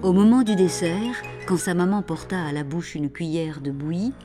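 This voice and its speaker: A woman narrating a children's story in an expressive, lively reading voice. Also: fairly low pitch, normal speed, soft background music.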